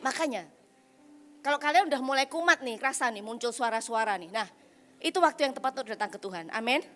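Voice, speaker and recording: High bright-voiced woman preaching. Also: fast. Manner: mixes English phrases, fires rhetorical questions at the crowd; blunt, teasing and animated. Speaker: evangelist preacher. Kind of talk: lively sermon at a retreat.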